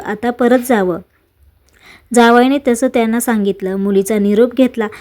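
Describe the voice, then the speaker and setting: A woman narrating a devotional folk story in a measured storybook manner. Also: fairly high pitch, warm tone.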